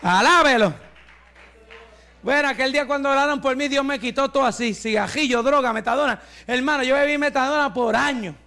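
High, gravelly-voiced preaching man. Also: fast, few pauses. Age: 40s. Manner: fervent preaching, rising to shouts, with joking asides. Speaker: pastor. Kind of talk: testimony sermon.

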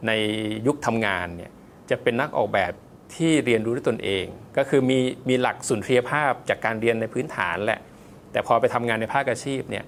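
A man's voice: mid-range voice, creaky, slight background noise. A man, a font designer guest, giving polite, step-by-step explanatory answers in an interview, with loose casual fillers.

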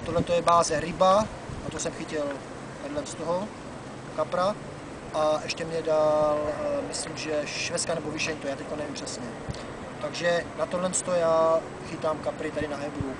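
A man in his thirties from the Czech Republic, chatting casually about fishing on a river dock, with lots of "eh" fillers. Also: fairly high pitch. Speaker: angler and fishing vlogger. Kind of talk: casual outdoor fishing talk to camera. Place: outdoors on a wooden dock by a wide river. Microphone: camera mic from a few meters away. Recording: distant camera mic with outdoor noise.

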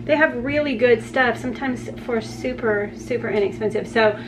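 A woman's voice: a little high, normal speed, noisy background. Chatty woman vlogging at home. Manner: chatty, rambling, with many fillers and restarts. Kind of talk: casual day-in-the-life vlog.

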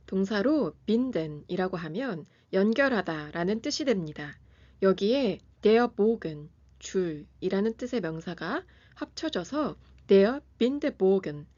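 A woman hosting a music lesson, reading a scripted lesson and pronouncing German terms slowly and carefully. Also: mid-range voice, dark tone, muffled recording. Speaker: piano teacher and channel host.

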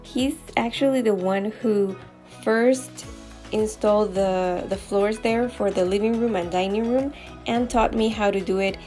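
Friendly woman home-renovation vlogger, chatty lapel-mic voice-over at mid pitch over light music. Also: a little slow, warm tone. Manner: upbeat and encouraging, chatty. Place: home living room, indoors.

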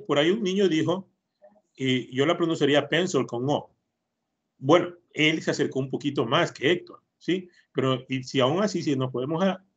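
Ecuadorian guy teaching kids english on a video call, kinda husky voice, muffled lo-fi audio, patient, repeats words a lot. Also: a little high. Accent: Ecuadorian Spanish. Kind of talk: online class for children. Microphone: computer mic on a video call.

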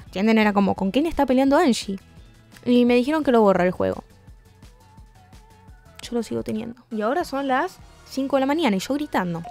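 A young woman with a Rioplatense Spanish accent, gaming and chatting casually, swearing and shouting at the game between asides to viewers. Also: on the high side. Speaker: gaming streamer.

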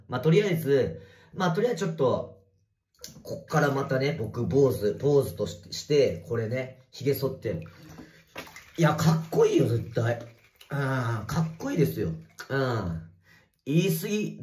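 A man livestreaming from a bathroom, reading viewer comments in casual chat and swearing at commenters in a rough, teasing way. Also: mid-range voice, a little mellow. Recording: echoey bathroom.

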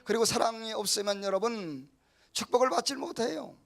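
A middle-aged man preaching with a high, gravelly voice. He talks to the congregation in a homely, folksy way, acting out little scenes and punctuating them with hallelujahs. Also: a little fast. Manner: folksy preaching with acted-out quotes and frequent hallelujahs. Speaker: pastor. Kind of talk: sermon.

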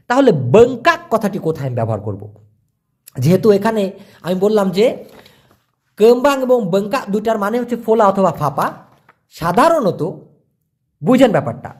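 A man from Bangladesh gives a casual vocabulary lesson in a high, lively voice that climbs and dips a lot. He is chatty and folksy, leaning on everyday examples and rhetorical questions. He spells out phrases slowly, repeating them at half speed. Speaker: language teacher. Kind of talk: casual lesson explaining words.

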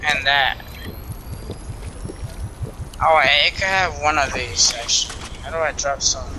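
Young male game streamer, frat-bro slang and cursing, unhurried casual delivery, noisy gameplay backdrop. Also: on the high side. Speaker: gamer streaming to viewers. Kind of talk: casual live gaming chatter. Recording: noisy game sound behind voice.

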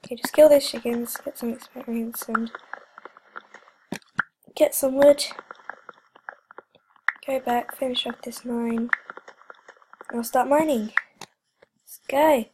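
A teenage girl hosting a gaming channel talks slowly in a fairly high voice, fairly even in intonation, pausing often. Her rambling gameplay commentary is casual and filler-heavy, often sinking to whispers, with a slightly stuffy cold voice. Noise and clicks fill the home recording.

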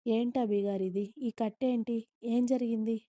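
A woman voicing a sleepy, playful and sulky young wife, speaking in a soft pleading way. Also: fairly high pitch, steady tone, normal speed, no room sound, natural voice.

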